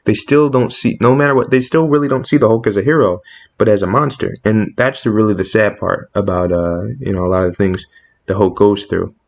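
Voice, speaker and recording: A man's voice: on the low side, brisk, vocal fry. Impassioned man ranting casually. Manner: impassioned, rising sharply when indignant. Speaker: comics commentator. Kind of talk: casual opinion monologue.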